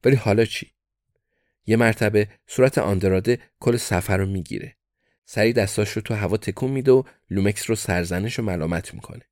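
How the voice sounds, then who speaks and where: Brief: male audiobook narrator, low voice, deadpan delivery, dry close sound. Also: no echo.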